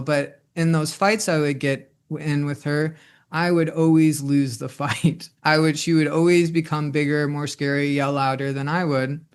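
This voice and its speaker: A man in his twenties talks through a personal reflection, rambling and restarting often. His voice sits a bit high for a man and comes across smooth and clear. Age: 20s. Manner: rambling, many restarts and "like" fillers. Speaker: host.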